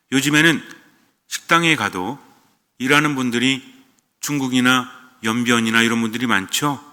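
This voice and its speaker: Male priest, standard Seoul-style accent, very bright tone, conversational sermon, long church reverb. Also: medium pitch. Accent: standard Seoul-style Korean. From Gyeonggi Province, Korea. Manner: conversational, asks the congregation questions.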